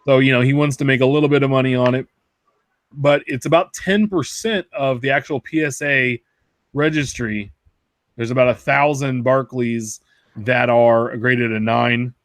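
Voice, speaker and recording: Dude on a card collecting podcast, rambles a lot, middling voice, super dry close mic. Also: male voice, mid-range voice, fairly even intonation, normal speed, no echo. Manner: rambling, self-correcting, jokey. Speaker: podcast co-host. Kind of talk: casual chat.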